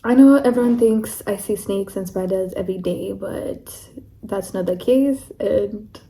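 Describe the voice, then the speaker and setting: Young woman, international student vlogger; mellow, mid-pitched voice, frank and chatty delivery. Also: rough recording. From Kenya. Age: young adult. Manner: candid, chatty, fills with "like" and "you know". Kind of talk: casual vlog chat.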